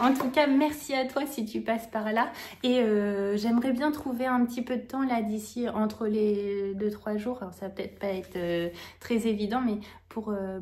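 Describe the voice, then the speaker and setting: A woman's voice: medium pitch, a little hiss or hum. Chatty woman, full of fillers. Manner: hesitant, many fillers and self-corrections; enthusiastic, gushing. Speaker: vlogger. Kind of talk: casual chat to camera.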